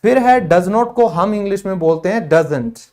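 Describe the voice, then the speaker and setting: A man with an Indian accent, a native Hindi speaker, teaching a spoken English lesson, explaining in Hindi and saying short English phrases slowly. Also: high voice, expressive, darkish tone.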